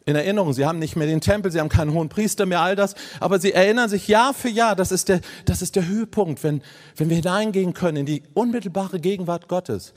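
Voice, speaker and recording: Male preacher, fairly high voice, sermon delivery with hushed lows and emphatic peaks. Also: fast talker. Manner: swings between low hushed phrases and raised emphatic ones; addresses listeners directly and warmly as friends.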